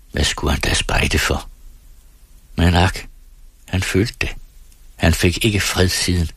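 Deep husky male storyteller. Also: no echo. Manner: measured, dramatic storytelling. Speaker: narrator. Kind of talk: literary audiobook reading.

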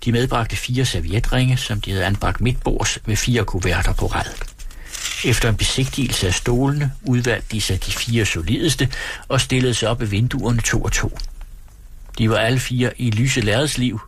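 A man hosting a radio program, reading a novel aloud in calm, measured narration. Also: mid-range voice, a little hiss or hum. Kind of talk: literary reading.

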